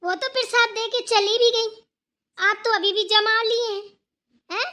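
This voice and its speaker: A woman voicing a sharp-tongued, sarcastic young daughter-in-law in a cartoon. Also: extremely high pitch, steady tone, measured pace, exaggerated voice. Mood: taunting. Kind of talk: cartoon voice acting.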